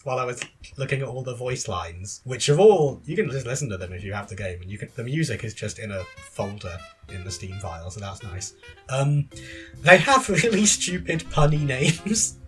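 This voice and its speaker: A man's voice: medium pitch, big pitch swings, fairly quick, soft background music. A man co-hosting a podcast in casual chat about video games, chatty and laughing often between sentences. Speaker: podcast co-host.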